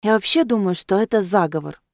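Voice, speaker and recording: A woman voicing a tipsy, hot-headed teenage girl dressed as a ghost, loud and insistent. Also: mid-range voice, expressive, fairly quick, no room sound, studio quality, close to an everyday voice. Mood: indignant.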